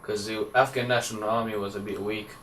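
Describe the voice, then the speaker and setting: A man's voice: on the low side, flat delivery, brisk, a bit bright. A young man giving brief, plain interview answers. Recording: distant mic, faint hiss.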